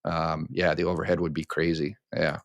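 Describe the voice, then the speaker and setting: A man's voice: extremely low pitch, level tone, moderate pace, dry recording. An older American man hosting a live question-and-answer stream, explaining things casually step by step with frequent ums and restarts. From United States. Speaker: host answering viewer questions. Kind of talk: live Q&A chat.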